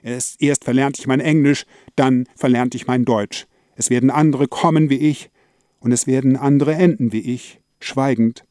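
Wry man with a dark voice. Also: mid-range voice, fairly even intonation, moderate pace, no echo. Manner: wry, dry, dramatic narration. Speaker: storyteller. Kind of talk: theatrical monologue.

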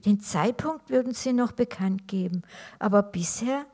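A woman reading a crime novel aloud in a steady, deliberate manner. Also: mid-range voice. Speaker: reader.

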